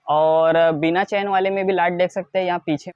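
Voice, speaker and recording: An Indian man giving a product showcase as a wholesale seller, in a repetitive, insistent sales pitch that stresses low prices. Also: fairly even intonation, moderate pace, smooth, no room sound, lo-fi sound. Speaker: wholesale clothing seller presenting stock.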